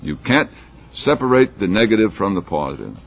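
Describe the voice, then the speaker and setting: Gravelly and husky, a fairly low-pitched man preaches briskly in a sing-song manner. He explains scripture and reads passages with rising emphasis, emphatic but prone to fillers and restarts, all on a dull lo-fi recording.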